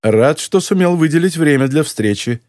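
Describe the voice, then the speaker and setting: Brief: narrator as a jaded reporter, flat and cutting, in a dry audiobook read. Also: male voice, a little high, normal speed, dry recording, natural voice. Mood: dry sarcasm. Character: weary, resentful ex-journalist man.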